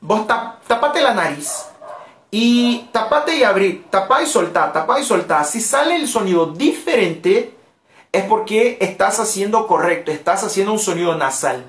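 A language teacher whose first language is Portuguese gives a live online lesson, patiently repeating phrases slowly for learners. The voice is mid-range and expressive, and the recording has a roomy echo.

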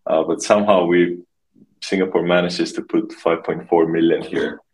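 A man from Estonia in his thirties, a podcast guest talking casually and haltingly, often restarting and repeating words. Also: low-pitched, little pitch movement, a little mellow, rough recording. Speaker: podcast guest, marketing expert. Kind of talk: casual interview conversation.

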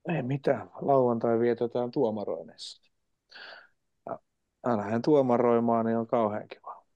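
A man's voice: medium pitch, fairly even intonation, dark tone, dry recording. A man with a Finnish accent, a podcast co-host who referees youth football, rambling casually with restarts. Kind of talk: casual chat. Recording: dull, lo-fi sound.

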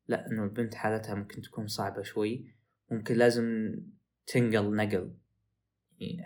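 A young man, hosting a podcast and telling a story in a casual, animated way that rises into excited outbursts. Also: lowish voice. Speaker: podcast host.

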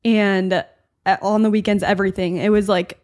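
A woman co-hosting a podcast in a chatty, affirming way, with lots of "like" and quick agreement. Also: medium pitch, flat delivery, darkish tone. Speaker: podcast co-host. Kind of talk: casual podcast chat.

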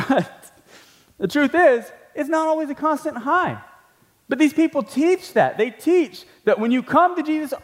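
A pastor preaching in a fairly high man's voice, moving between relaxed, chatty asides and loud, emphatic peaks. He throws questions at his listeners and chuckles between points before dropping low and quiet. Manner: laughs between points, asks the congregation questions. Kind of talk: sermon.

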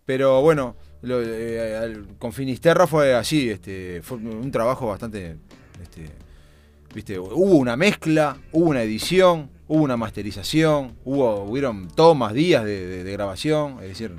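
Rambling guitarist, fillers galore. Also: male voice, medium pitch, expressive, moderate pace, darkish tone, soft background music. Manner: rambling, many fillers like "este" and "viste". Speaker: guest guitarist. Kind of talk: casual radio interview chat. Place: radio studio.

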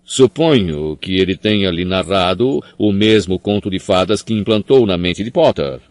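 Man as sneering professor, cold, low-set, dry. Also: lively intonation, normal speed, darkish tone, no room sound. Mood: contemptuous. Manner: sneering, snarling. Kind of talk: audiobook character voice.

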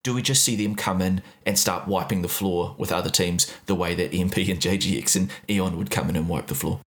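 Male podcast host, low voice, thoughtful, measured questioning. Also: steady tone. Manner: measured, probing, many fillers. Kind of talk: casual podcast interview.

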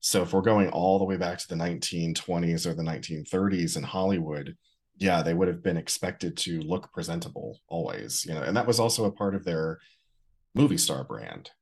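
A man in his forties co-hosting a casual podcast, relaxed and wry as he shares film history. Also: low voice, a little fast, breathy edge. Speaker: podcast co-host. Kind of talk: casual chat.

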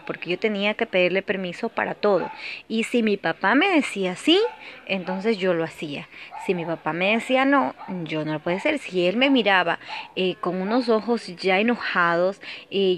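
A woman's voice: mid-range voice, fairly bright tone, slight background noise. A woman hosting a podcast, telling her own story in an earnest, confiding monologue full of hesitations and repeated phrases. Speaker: podcast host sharing personal story. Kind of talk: personal testimony, confiding monologue.

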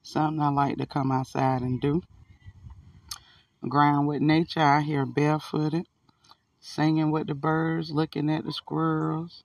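A man's voice: fairly high pitch, level tone, unhurried, creaky, no room sound, far from the mic. A man giving a casual, earnest, folksy motivational chat outdoors, swearing now and then, his speech slightly impaired by a toothache. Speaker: spiritual self-help vlogger.

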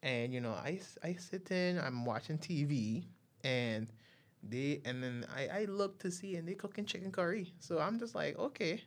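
A man's voice: on the high side, animated, normal speed. A man from Guyana, a guest telling stories in a casual, laid-back conversation.

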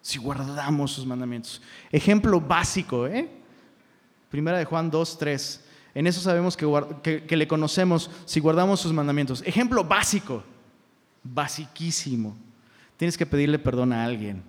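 A man's voice: fairly high pitch, moderate pace, in a large hall. A man with a Mexican Spanish accent preaching a sermon as a pastor, in a casual, slangy way, often mimicking the voices of people who object.

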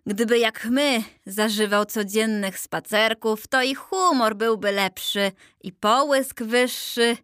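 A woman voicing a calm, wise old gentleman who is a living statue, talking slowly in an old-fashioned, kindly way. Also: fairly high pitch, clean tone, no echo, clean studio sound.

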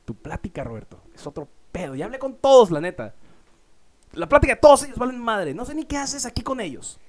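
A man's voice: very high voice, big pitch swings, fairly quick, pitched above the performer's own voice. A man playing a drunk, boastful male doctor who keeps repeating his praise. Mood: drunk gushing.

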